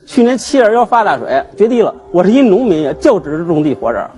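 Man, husky, high lively voice, aggrieved talk-show guest. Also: fairly quick. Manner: animated, aggrieved. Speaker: guest, husband seeking divorce. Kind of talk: emotional storytelling on a TV talk show.

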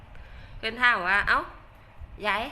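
A woman's voice: a little slow, pushed and bright, a little hiss or hum. An older woman with an Isan Thai accent, chatting casually on a livestream, laughing often and joking about herself. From Northeast Thailand. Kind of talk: casual livestream chat reading comments.

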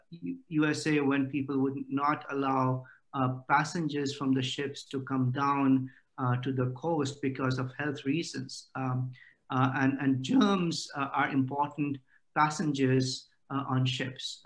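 A man's voice: medium pitch, a bit bright. A middle-aged man giving an academic lecture over a video call, with many "uh" fillers.

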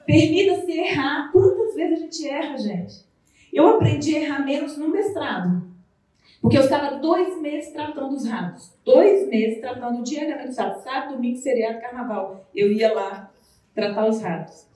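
A Brazilian woman from Minas Gerais with a Mineiro accent, giving an animated, chatty motivational talk as a nutritionist, with playful asides. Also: high voice, normal speed. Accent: Mineiro Brazilian Portuguese. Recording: very echoey room, voice far from the mic.

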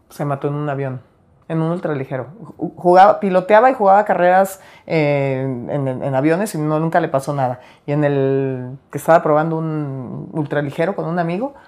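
A woman talks through personal memories in a relaxed interview. Her voice sits low and deep, and she slips into the voices of the people she quotes. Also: brisk. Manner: animated storyteller, acts out quoted lines, laughs between stories. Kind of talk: candid interview storytelling.

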